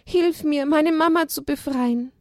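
A woman voicing a frightened young male donkey foal who cries and pleads in a high voice. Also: measured pace, a little mellow, dry recording, studio quality. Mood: pleading.

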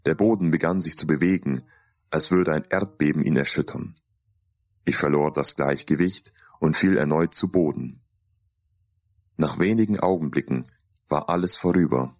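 A man calmly narrating a first-person story in a deliberate storytelling manner. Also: rumbling low.

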